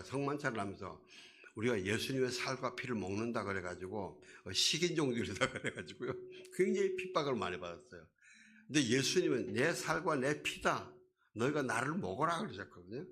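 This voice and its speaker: A man's voice: medium pitch, very animated, moderate pace, a bit bright, a little hiss or hum. A man preaching a sermon as a pastor, in a conversational way that asks the congregation questions and acts out quoted voices.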